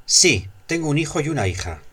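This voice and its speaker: Male phrase reader for a language course, husky, animated pitch, scripted short dialogue lines. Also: fairly quick.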